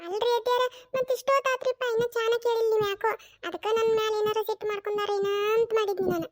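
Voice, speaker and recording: A pestering young daughter-in-law in a cartoon comedy skit, voiced by one performer who plays both parts. She pleads over and over in a North Karnataka Kannada accent. Her voice is tiny and high and rattles along fast. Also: fairly even intonation. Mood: coaxing. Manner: coaxing and insistent, repeats pleas.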